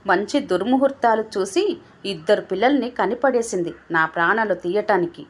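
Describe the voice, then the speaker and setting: A woman voicing a suspicious, sharp-tongued old father who taunts his family, in a storybook reading. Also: medium pitch, moderate pace, natural voice. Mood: bitter taunting. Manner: scolding, taunting.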